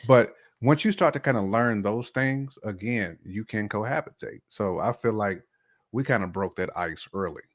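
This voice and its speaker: At a moderate pace, a man on the low side of pitch shares personal opinions as a podcast guest. His talk is casual, slangy and colloquial, peppered with frequent check-ins.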